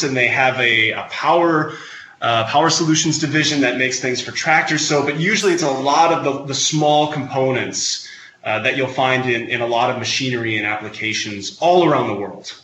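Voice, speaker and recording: A man in his thirties who grew up in Wisconsin, giving relaxed, explanatory interview answers. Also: mid-range voice, a little hiss or hum. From Wisconsin, United States. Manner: relaxed, explanatory, with many uh fillers. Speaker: guest. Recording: roomy sound, faint background ambience.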